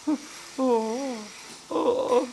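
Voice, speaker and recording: Ein Mann spricht einen frechen, kindlichen kleinen Kobold im Hörspiel, betrunken und stotternd, mit hoher, quietschiger Stimme. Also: male voice, gravelly, a little hiss or hum, heavily acted. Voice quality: high squeaky stammering voice, giggly. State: drunk, then hungover. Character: mischievous little male kobold, cheeky and childish. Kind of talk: radio play acting.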